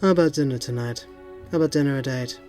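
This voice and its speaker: A man voicing a suave male secret agent with smooth, dry wit. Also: mid-range voice, fast talker, a little mellow, faint music behind, lightly acted.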